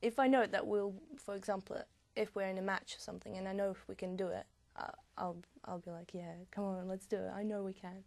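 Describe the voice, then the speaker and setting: Young woman, doing a speaking test, casual and fluent, a bit gravelly. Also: mid-range voice, steady tone, brisk, hardly any pauses, a little mellow. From Latvia. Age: young adult. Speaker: exam candidate. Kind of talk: speaking exam answers.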